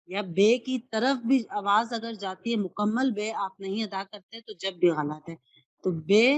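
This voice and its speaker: A woman's voice: medium pitch, no room sound, poor audio. Patient woman teaching Urdu tajweed. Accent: Pakistani Urdu. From Pakistan. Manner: patient, repeats rules and demonstrates syllables slowly. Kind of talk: Quran recitation lesson.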